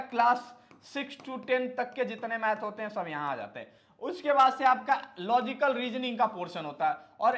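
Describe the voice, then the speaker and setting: A man's voice: very high voice, fairly bright tone. A man giving a casual explainer lesson on admissions, chatty and repetitive, calling viewers kids and brothers. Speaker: admissions guidance teacher.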